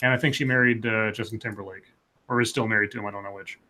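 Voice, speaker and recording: A man's voice: lowish voice, steady tone, fast talker, bright, forceful tone. A man on a live-stream panel, talking in a casual, conversational way. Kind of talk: casual chat.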